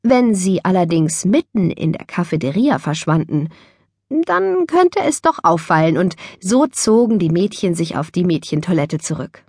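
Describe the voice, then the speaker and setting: A woman narrating a children's audiobook in an expressive storytelling manner, slowing down for emphasis. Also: on the low side, breathy edge, no echo, clean studio sound.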